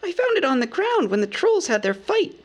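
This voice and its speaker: A man voicing a small, curious male hobbit in a very high, squeaky voice, asking eager questions. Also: wildly swooping pitch, heavily acted. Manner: asks quick eager questions. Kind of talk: audiobook character voice.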